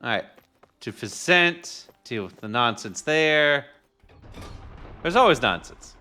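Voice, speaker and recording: Bright, lively male game streamer. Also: medium pitch, slow pace, smooth. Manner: muttering asides, reading game dialogue aloud. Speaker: streamer playing a video game. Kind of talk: casual live-stream commentary.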